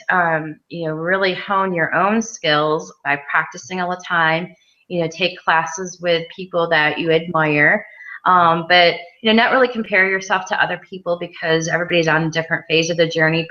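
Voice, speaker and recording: Lower-voiced lady artist rambling along with lots of ums, kinda dull lo-fi audio. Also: pushed and bright. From Western New York. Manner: chatty, many ums, laughs easily. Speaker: mixed media artist, guest. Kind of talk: casual interview chat. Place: outdoor art studio. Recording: dull lo-fi sound.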